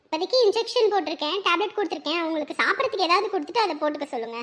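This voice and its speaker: A woman's voice: very high voice, expressive, racing. A woman doing a soothing cartoon doctor. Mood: calm. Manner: gentle, soothing. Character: kind young woman doctor, calm and reassuring.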